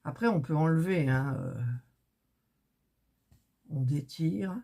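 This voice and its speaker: Woman doing a craft vlog, lowish voice, slow unhurried talk, chatty and a bit exasperated. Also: gravelly, mellow. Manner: chatty, thinking aloud, gets flustered and exasperated. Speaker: craft vlogger.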